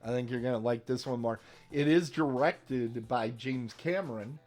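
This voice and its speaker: A man's voice: medium pitch, moderate pace, darkish tone, faint music behind. A man co-hosting a movie podcast in casual, joking banter with his co-host. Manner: jokey, playful banter. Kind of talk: casual chat.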